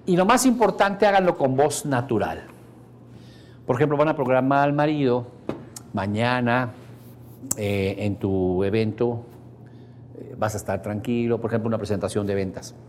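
A man's voice: mid-range voice, moderate pace, long pauses, a little mellow, slight background noise. A man with a Mexican Spanish accent teaching a seminar group, explaining in a chatty way with everyday examples and checking in with his listeners. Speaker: seminar instructor. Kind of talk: workshop lecture to a live group. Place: seminar room with a live audience.

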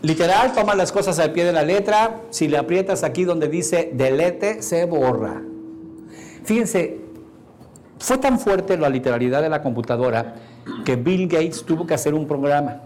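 A man teaches a seminar on neuro-linguistic programming. His voice sits slightly high, and he plays out quoted dialogue with humor. A faint hiss of background noise runs under the recording. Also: moderate pace. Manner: animated, acts out quoted computer dialogue, jokey asides to the audience. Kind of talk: live seminar lecture.

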